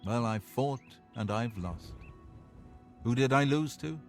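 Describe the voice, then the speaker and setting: Gruff, weary old fisherman. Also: mid-range voice, lively intonation, slow, faint music behind. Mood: defeated, grumbling. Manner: gruff, grumbling, folksy. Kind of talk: video game character dialogue.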